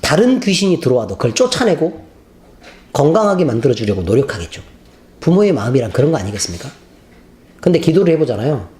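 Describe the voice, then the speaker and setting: Pastor, male, animated storytelling sermon. Expressive pitch, roomy church acoustics. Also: fast, pauses often. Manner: animated storytelling, acting out scenes. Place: church sanctuary. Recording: roomy church hall, faint noise.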